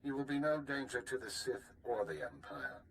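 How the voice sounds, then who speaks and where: A man playing a stern official who dictates a formal directive with measured authority in a video game. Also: mid-range voice, sing-song, a bit bright, a little hiss or hum, poor audio.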